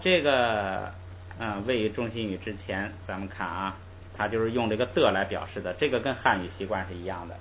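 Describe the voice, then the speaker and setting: A man's voice: fairly low pitch, a little fast. A man teaching a language class, patiently explaining step by step and drilling pronunciation aloud. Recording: tinny lo-fi recording with faint hiss.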